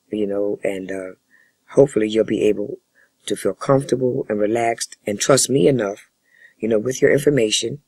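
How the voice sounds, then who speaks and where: A man speaking as a family therapist in a role-play session, with a husky voice and measured, formal, wordy phrasing. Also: fairly low pitch, darkish tone, no room sound, rough recording. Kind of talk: spoken counseling role-play demonstration.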